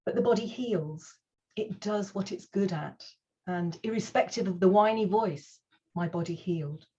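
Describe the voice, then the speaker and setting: A woman with a mellow, husky, mid-range voice hosts an online conference on a video call, speaking at a normal pace. She sounds earnest and reassuring as she opens proceedings and brings on the first speaker, and the sound is lo-fi.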